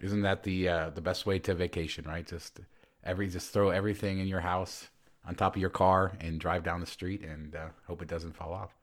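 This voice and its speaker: A man's voice: sits low, level tone, a little fast. A man hosting a podcast in a casual, conversational style. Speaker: podcast host.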